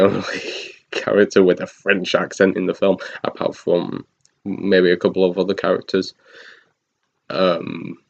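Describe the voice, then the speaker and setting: Deep-voiced man rambling through a review. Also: gravelly. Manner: rambling, frequent ums and restarts, chuckles. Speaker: film reviewer. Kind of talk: casual spoken review. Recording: dull lo-fi recording.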